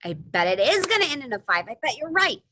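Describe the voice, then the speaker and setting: A woman's voice: high voice, big pitch swings, fast talker, background noise. A woman teaching young children a math lesson in an exaggerated, sing-song, encouraging kindergarten-teacher voice, posing questions and answering them herself. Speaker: elementary school teacher.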